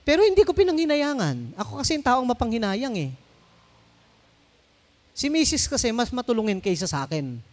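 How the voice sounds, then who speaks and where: Filipino pastor guy, fairly high voice, chatty sermon w english bits, keeps asking the church amen. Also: big pitch swings, a little fast, pauses often. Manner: conversational preaching mixing in English, asks the congregation for responses.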